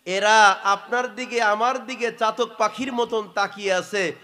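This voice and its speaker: A preacher with a Bangladeshi Bengali accent, singing slow mournful verses and preaching with call-and-response to a gathering. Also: male voice, high voice, fairly even intonation, pushed and bright. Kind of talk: sung and spoken sermon. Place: outdoor religious gathering.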